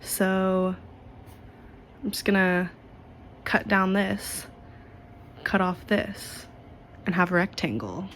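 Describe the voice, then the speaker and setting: A woman's voice: medium pitch, fairly even intonation, takes it slowly, pauses often, fairly bright tone, slight background noise. A young adult woman chatting casually at home as she walks through a sewing project, with a self-deprecating, easygoing manner. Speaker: crafting vlogger. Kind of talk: casual sewing tutorial chat.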